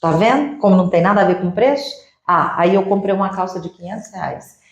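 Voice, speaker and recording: Energetic woman. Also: on the low side, brisk. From Uberlândia, Minas Gerais, Brazil. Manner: energetic, teacherly, acts out sample dialogues. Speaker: sales mentor guest. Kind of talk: didactic interview answers. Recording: echoey room.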